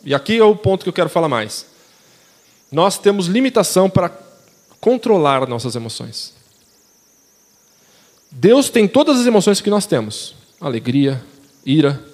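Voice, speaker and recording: High-voiced young Brazilian man preaching. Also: very animated, normal speed, pauses often, a little mellow, in a large hall. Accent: Brazilian Portuguese. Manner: conversational, slangy, asks the audience questions. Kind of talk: casual sermon. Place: church hall.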